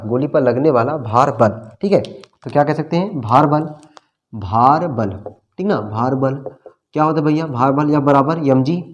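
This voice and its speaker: A man's voice: mid-range voice, darkish tone. A man teaching a physics class in a friendly, colloquial way, asking questions and answering them himself while he writes. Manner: asks questions and answers them himself, repeating key terms; friendly and colloquial, calls students "bhai" and "babu". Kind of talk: classroom-style lecture at a board.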